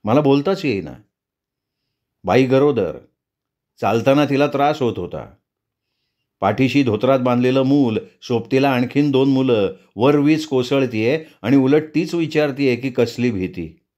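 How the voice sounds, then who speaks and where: Man, storyteller, unhurried dramatic narration, medium pitch. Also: darkish tone. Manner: slow, deliberate storytelling.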